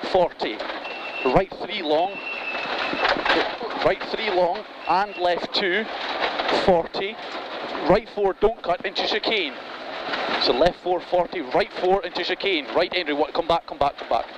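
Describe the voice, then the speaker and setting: Very loud car noise surrounds a man with a high-pitched voice. He is a rally co-driver reading out rapid pace notes from inside the moving car. His delivery is clipped and urgent, with instructions repeated for the driver. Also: highs cut off.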